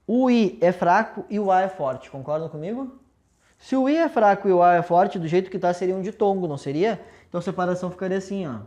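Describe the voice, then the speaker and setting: A woman's voice: fairly low pitch, lively intonation, fast, warm tone. Woman teacher, patient step-by-step explainer, affectionate with students, whiteboard lesson. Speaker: language teacher. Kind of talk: recorded video lesson at a whiteboard.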